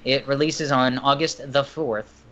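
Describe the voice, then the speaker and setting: A man's voice: medium pitch, fairly even intonation, a little slow, sharp tone, highs cut off. A man hosting a casual gaming chat, reading out game blurbs and swearing freely. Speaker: host.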